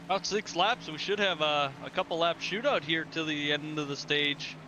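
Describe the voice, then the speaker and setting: A man's voice: on the high side, normal speed, background noise. A man giving casual race commentary and banter as a co-commentator. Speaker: sim racing co-commentator.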